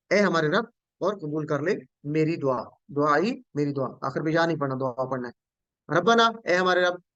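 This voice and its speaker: A male teacher with a high, smooth, clear voice leads a Quranic Arabic lesson over a video call. He works through each word patiently, repeats himself and quizzes his students. The audio is dry and dull, like lo-fi online class sound. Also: a bit bright, no room sound.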